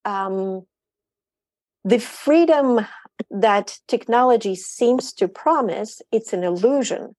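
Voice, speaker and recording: Mellow, measured woman on a panel. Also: a little high, no room sound. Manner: measured, deliberate phrasing. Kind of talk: panel discussion.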